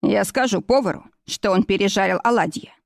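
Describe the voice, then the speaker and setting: A polite, steady young man who keeps his phrases short and firm, voiced by a woman narrator in a storybook. the recording is dry and close. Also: mid-range voice, fairly quick, gravelly, no room sound, close to an everyday voice.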